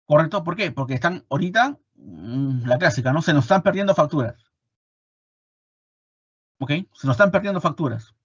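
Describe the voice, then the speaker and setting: Husky Peruvian man teaching a class. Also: a little high, moderate pace, long pauses, no room sound, muffled recording. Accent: Peruvian Spanish. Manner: animated, repeats points with rhetorical questions. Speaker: instructor. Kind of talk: online lecture.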